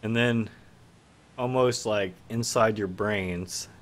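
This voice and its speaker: A man narrating as game master of a streamed tabletop game, relaxed and rambling, with fillers. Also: fairly low pitch, slow pace. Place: home stream setup.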